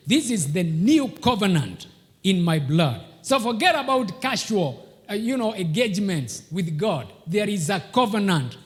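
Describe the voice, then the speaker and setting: A man's voice: high voice, long reverb tail. A man, a pastor preaching a sermon at a live church service. He speaks emphatically and asks rhetorical questions, then answers them himself.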